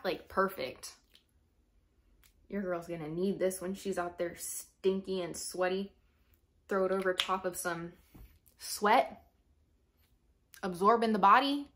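A woman's voice: medium pitch, a bit bright. A young American woman with braces slightly affecting her articulation, chatting informally and expressively to camera in a product review. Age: young adult. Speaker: perfume reviewer. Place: small furnished room at home, indoors.

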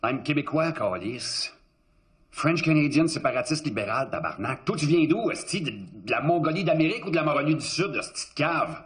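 An actor playing a defiant suspect who claims to be a French-Canadian cop and talks cockily, breaking into swearing French. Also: male voice, low-pitched, animated, moderate pace, a bit bright.

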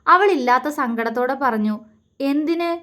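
A woman narrating a romantic audio story in a gentle, steady read-aloud manner. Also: on the high side, normal speed.

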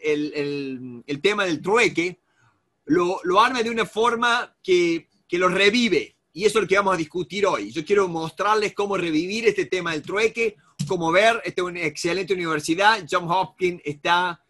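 Speaking through a webcam on a video call, a male negotiation coach from Argentina, in his 40s, gives a live webinar presentation from a home office lined with bookshelves. His voice is high and bright, carrying an Argentine Spanish accent, and he tends to ramble, restarting often and using lots of fillers.

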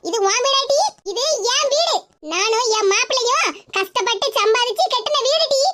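A woman's voice: extremely high pitch, expressive, moderate pace, very noisy. Woman voicing a fiery Tirunelveli mother-in-law. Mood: scolding. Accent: Tirunelveli Tamil. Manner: scolding, blunt, threatening. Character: fiery middle-aged village mother-in-law. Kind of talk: animated cartoon voice acting.

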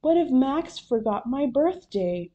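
A woman doing an excitable little boy frog. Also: high voice, unhurried, dull audio, pitched above the performer's own voice. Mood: worried. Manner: eager, loud exclamations.

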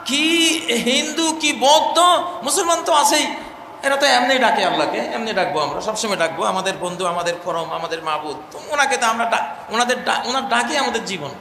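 A male preacher giving an impassioned sermon, swinging between loud cries and low murmurs and chanting verses. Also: moderate pace, gravelly. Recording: echoey hall, faint noise.

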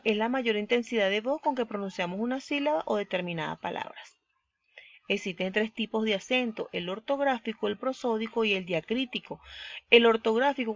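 A woman teacher with a Venezuelan accent who gives a recorded online lesson, speaking slowly and deliberately and stressing the example words. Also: mid-range voice, creaky, no echo, muffled recording.

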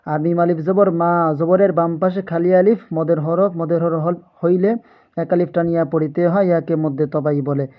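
A man teaching Quran reading, spelling out letters and vowel marks one syllable at a time and drawing out each joined word slowly. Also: on the high side, fairly even intonation. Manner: slow, deliberate letter-by-letter drilling, drawing out the blended words. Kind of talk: spelling out Arabic letters and vowel marks, drill-style lesson. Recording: lo-fi narrow phone-like sound.

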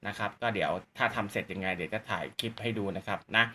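A man's voice: fairly low pitch, quick pace, pushed and bright, husky. A man hosting a casual gadget demonstration, explaining politely with repetitive phrasing. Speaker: YouTube channel host.

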